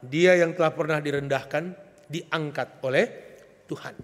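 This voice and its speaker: A man with an Indonesian accent preaches a sermon in a church sanctuary, his fairly high voice carried by a long echoing hall. He talks in a lively, joking way and lands key words with sudden loud, emphatic swells. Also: unhurried. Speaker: pastor.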